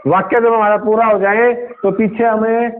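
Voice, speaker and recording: A male primary school teacher gives a Hindi lesson in a classroom. He speaks patiently and coaxingly, repeating words and sounding them out slowly for the children. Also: high-pitched, level tone. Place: village government school classroom. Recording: tinny phone-like sound with faint noise.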